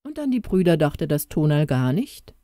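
A woman reading the lines of a kind middle-aged gentleman in a storybook, speaking softly and tenderly. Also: sits low, sing-song, moderate pace, no room sound, studio quality. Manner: soft, tender speech.

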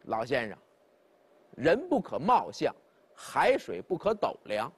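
Man playing a smooth-talking courteous magistrate. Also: mid-range voice, wildly swooping pitch, takes it slowly, a bit bright, pitched below the performer's own voice, heavily acted. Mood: courteous, coaxing. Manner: polite, coaxing official speech. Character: male county magistrate, courteous and persuasive.

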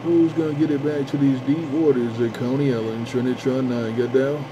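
A male CB radio operator chats over the airwaves, repeating his call-outs and drawling his sign-offs. His mid-range voice is steady and moderately paced, heard through a dull, lo-fi radio transmission with static hiss.

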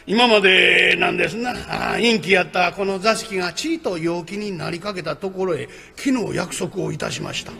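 A man telling a comic rakugo story in Kamigata Osaka dialect, lively and switching voices for each character. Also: high voice, moderate pace, creaky, hardly any pauses. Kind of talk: traditional comic storytelling performance.

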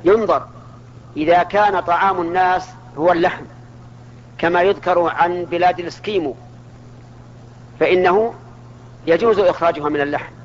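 Man, scholar, high voice, questioning the audience, muffled old recording, faint hum. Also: fairly quick, pauses often. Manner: asks the audience questions and answers them himself. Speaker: Islamic scholar teaching. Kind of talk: religious lesson to an audience. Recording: dull lo-fi archival recording.

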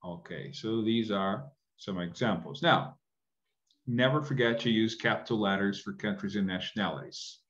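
A middle-aged man with a lowish, slightly bright voice teaches an online English lesson at a moderate pace, explaining patiently and often checking in with "right?". It was recorded indoors on a webcam, and the lo-fi audio sounds dull.

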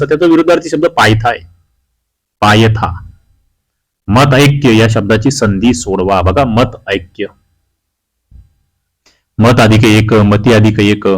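Male tutor from maharashtra working through a grammar quiz, reads out the choices, then explains, mid pitch. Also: poor audio. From Maharashtra, India. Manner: reads options aloud, then explains the answer. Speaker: exam-prep teacher. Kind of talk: quiz walkthrough lesson.

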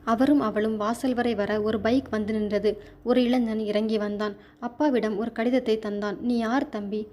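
A woman's voice: a little high, steady tone, moderate pace, dark tone. Woman narrating a family drama story.

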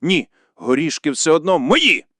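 A man's voice: sing-song, unhurried, sharp tone, breathy edge, long reverb tail, exaggerated voice. A man doing a grumbling, stomping forest creature. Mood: stubborn. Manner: grumbling, booming chants. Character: strange stomping greedy male forest creature. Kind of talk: storybook narration. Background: music.

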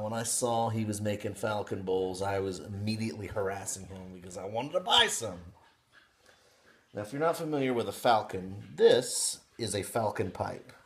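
A man in his thirties chatting casually on his living room couch, showing off pipe bowls with excited, rambling talk full of restarts. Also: on the low side. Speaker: pipe hobby vlogger. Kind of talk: casual unboxing vlog.

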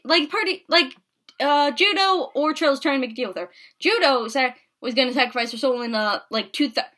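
High, bright-voiced woman ranting a recap. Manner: rambling, swearing, emotional, with many restarts. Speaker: podcast recap reviewer. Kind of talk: casual episode recap.

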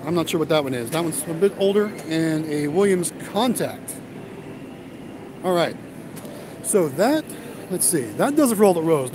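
A man with a slightly high voice hosts a casual livestream, chatting with viewers and calling them "guys" as he walks through a large warehouse auction. He's a vending business vlogger, and there's background noise.

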